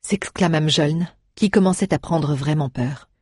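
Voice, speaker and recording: Low, husky woman audiobook narrator, measured delivery, dry close sound. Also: darkish tone, dry recording. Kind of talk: scripted storybook narration.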